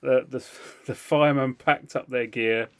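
Laughing, animated man telling a story. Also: mid-range voice, unhurried, clear, resonant tone. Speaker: podcast co-host. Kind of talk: casual storytelling chat.

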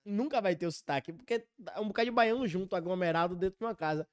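A man's voice: high voice, racing, smooth. A man with a Bahian accent, a podcast guest chatting casually and acting out quotes as he tells stories. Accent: Bahian Portuguese. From Bahia, Brazil. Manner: animated storyteller, acts out quotes. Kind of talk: casual chat. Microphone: studio mic, sometimes stepping away.

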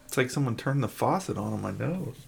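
A man's voice: mid-range voice, expressive, a little fast, creaky, heavy background noise. A man co-hosting a casual home podcast, joking and laughing while he sneezes and coughs with a runny nose. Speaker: podcast co-host.

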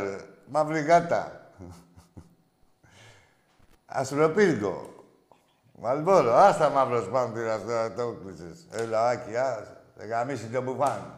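A man's voice: medium pitch, roomy sound. A man hosting a call-in show, taking callers one after another and mocking them with crude, brash banter and frequent laughter. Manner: loud teasing with frequent laughs. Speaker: radio call-in show host.

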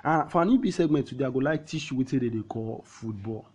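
Casting: male football show host, Nigerian Pidgin, husky voice, casual storytelling full of rhetorical questions, slightly muffled recording. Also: medium pitch, lively intonation, fast, darkish tone. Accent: Nigerian, speaking Pidgin.

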